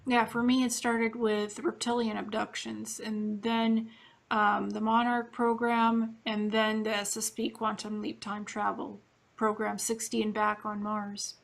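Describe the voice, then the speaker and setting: A woman's voice: mid-range voice, level tone, measured pace, gravelly. A woman from Ukraine interviewing a guest in a casual, earnest, matter-of-fact way.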